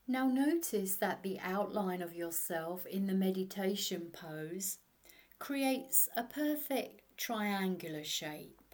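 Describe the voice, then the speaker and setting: A woman narrating a guided meditation in a soothing sleep story manner, hushed and unhurried, leaving long pauses. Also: medium pitch, lively intonation.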